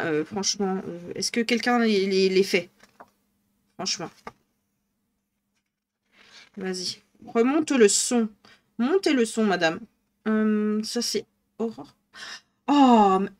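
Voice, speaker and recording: Slow, chatty woman streamer, northern accent. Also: a little high, a bit bright. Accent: northern French (ch'ti). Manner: chatty, thinks aloud, laughs often. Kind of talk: casual live-stream chat while colouring.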